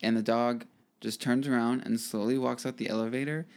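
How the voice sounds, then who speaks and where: A young man talks casually as a podcast co-host. He tells his anecdotes in a dry, laid-back way. His pitch is in the middle of the range. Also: fairly even intonation, a little fast, darkish tone. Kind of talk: casual chat.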